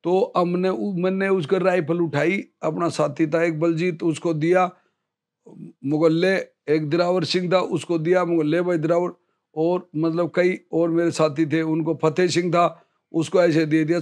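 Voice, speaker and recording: A man in his fifties, an army veteran, telling a story in an interview in a lively way and acting out what others said. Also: a little high, a little slow.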